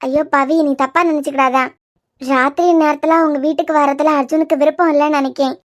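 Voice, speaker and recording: A woman's voice: sits high, flat delivery, lightly acted. A woman voicing Diya, a caring, frank young woman in a cartoon series, talking earnestly with a Kanyakumari Tamil accent. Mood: chatty. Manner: earnest, coaxing, quick-talking. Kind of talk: cartoon web series voice acting.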